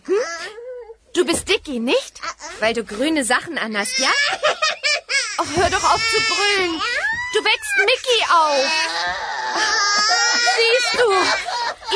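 Cheeky teen witch girl for a radio play, slow-spoken and scolding, with loud babies behind. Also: very high voice, full character voice. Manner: bossy, exasperated babysitter scolding. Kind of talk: children's radio play acting. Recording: loud background noise, crying babies.

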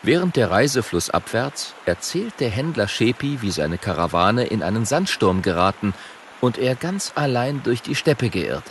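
A man narrating a children's audiobook in an expressive way. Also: lowish voice, vocal fry, a little hiss or hum.

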